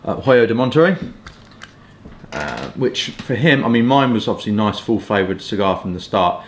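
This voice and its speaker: A man in his twenties with a southeast English accent speaks at normal speed in a fairly low, sing-song voice. As a pipe and cigar review vlogger, he rambles casually through hedged asides from a small furnished room at home, the audio roomy and a little noisy.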